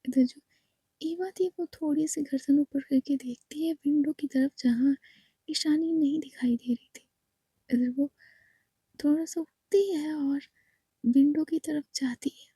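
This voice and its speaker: A woman narrating a love story in a soft, hushed voice, half whispered. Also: high voice, fairly even intonation, a little slow, no room sound.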